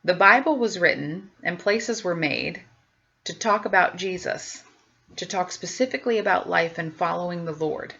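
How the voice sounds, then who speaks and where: A woman with a bright, forceful voice shares her personal faith testimony in an animated, chatty way. She slips into other people's voices and laughs as she talks. The recording sounds a little dull and lo-fi. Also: on the low side, normal speed, creaky, slightly rough.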